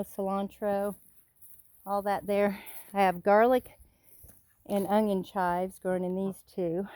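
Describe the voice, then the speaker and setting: A woman's voice: mid-range voice, warm tone, smooth, no echo. Chatty woman touring her garden. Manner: chatty, pointing things out while walking outdoors. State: out of breath. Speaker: vlogger giving a garden tour. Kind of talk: casual walking garden tour. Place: outdoors in a rural yard.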